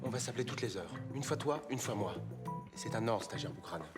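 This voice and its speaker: An actress playing a protective, sarcastic police colleague who insists on caution. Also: female voice, a bass voice, lively intonation, brisk, over music. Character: worried, protective police partner, sharp-tongued.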